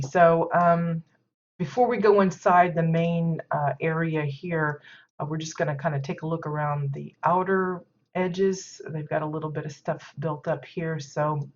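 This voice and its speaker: Woman host, deep-pitched, congested, chatty stream commentary full of fillers. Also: a little mellow. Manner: rambling, many fillers and restarts. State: stuffy nose from sneezing. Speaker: game stream host giving housing tours. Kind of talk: casual live-stream commentary. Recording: dull lo-fi stream audio.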